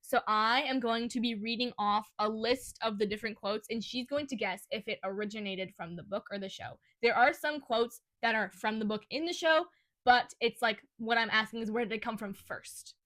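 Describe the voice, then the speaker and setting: A young woman co-hosting a casual podcast chat, chatty and giggly with quick asides. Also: on the high side, a bit bright. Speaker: podcast co-host. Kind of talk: casual chat between friends.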